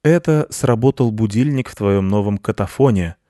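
A man's voice: lowish voice, normal speed, warm tone, no room sound, studio quality, close to an everyday voice. A man voicing a lazy, self-important male house cat who lectures in a storybook reading. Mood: lecturing. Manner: pompous and lecturing.

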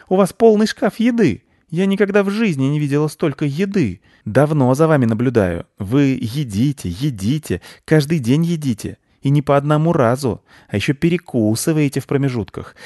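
A man's voice: medium pitch, animated, normal speed, few pauses, darkish tone, dry recording, clean studio sound, pitched above the performer's own voice, lightly acted. A man voicing a greedy, hysterical female squirrel who shrieks and rants in a storybook reading. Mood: agitated, paranoid. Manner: shrieking, frantic, paranoid.

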